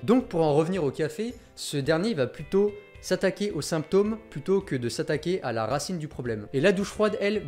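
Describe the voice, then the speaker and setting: A man's voice: on the high side, a little mellow. A man hosting a health video, talking directly and enthusiastically to his viewers. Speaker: health YouTuber. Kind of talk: energetic video monologue.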